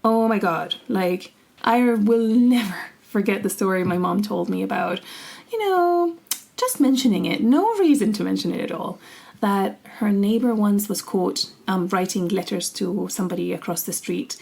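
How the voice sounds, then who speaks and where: With vocal fry and a darkish tone, this young Syrian woman speaks at a moderate pace in a mid-range voice. She co-hosts a podcast, earnestly recounting personal stories in casual conversation and laughing easily.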